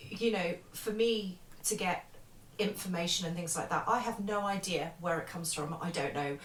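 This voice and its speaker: A woman who is a spiritual medium acts as interviewer in a casual conversation, speaking earnestly and emphatically and repeating her phrases. Her voice sits on the low side at a normal speed. The recording is roomy, with a distant mic and background noise.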